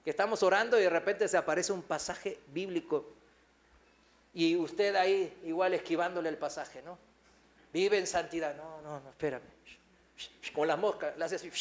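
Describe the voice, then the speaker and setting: High-voiced pastor preaching. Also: male voice. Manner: preaching with many rhetorical questions and tag questions. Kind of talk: sermon.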